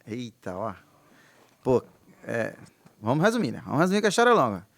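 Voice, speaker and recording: A man's voice: mid-range voice, huge pitch swings, brisk, creaky, dry recording. Laid-back man from Recife, Pernambuco accent. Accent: Pernambuco Portuguese. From Recife, Brazil. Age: 30s. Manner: laid-back, hesitant, lots of fillers and restarts. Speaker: podcast guest, air-conditioning instructor. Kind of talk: casual podcast chat.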